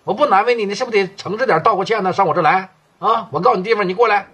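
A man with a Northeastern Mandarin accent voicing a stern, domineering middle-aged male gang boss who lectures loudly. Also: sits high, racing, husky, voice pushed up. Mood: scolding. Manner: scolding, raised and lecturing.

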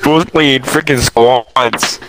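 A man's voice: medium pitch, fairly even intonation, slow pace, poor audio. A young man joking around and bantering while playing a game with a friend. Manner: goofy, laughing banter. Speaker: gaming friend. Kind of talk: casual gaming chat. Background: game music.

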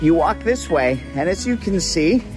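With a fairly high, animated voice at a moderate pace, this travel vlogger in his forties tours a tropical beach on foot, filming outdoors with a selfie camera at arm's length. He's cheerful and talkative, repeating words. Music runs in the background of the rough recording.

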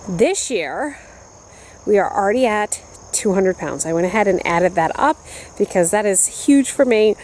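A woman's voice: medium pitch, darkish tone, slight background noise, low-quality recording. Chatty woman on a garden walk. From upstate New York, US. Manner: chatty, upbeat, walking and pointing at plants. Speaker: gardening vlogger. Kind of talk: casual garden tour. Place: outdoor backyard vegetable garden. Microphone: handheld camera at arm's length. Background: crickets and insects.

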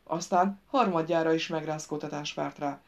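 A woman narrating an audiobook with a steady, even storytelling delivery. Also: deep voice, lo-fi sound. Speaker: audiobook reader.

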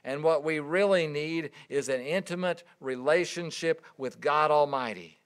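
A man's voice: on the high side, unhurried, clean tone. A middle-aged man preaching a sermon, earnest and emphatic, telling stories with his voice swelling and dropping. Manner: earnest, emphatic, storytelling with rising and dropping volume.

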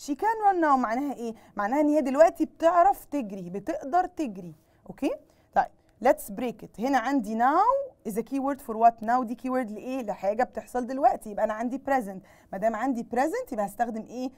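A woman's voice: on the high side, expressive, darkish tone. A woman with an Egyptian Arabic accent teaching an English grammar lesson, switching between Arabic and English, asking questions and answering them herself. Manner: slows down and spells out English words one at a time. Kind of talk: televised classroom lesson.

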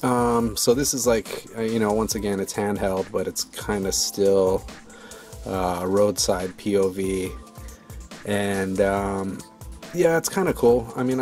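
Low, flat-voiced man rambling casually. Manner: relaxed, rambling, many fillers. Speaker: video maker. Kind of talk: casual voice-over commentary.

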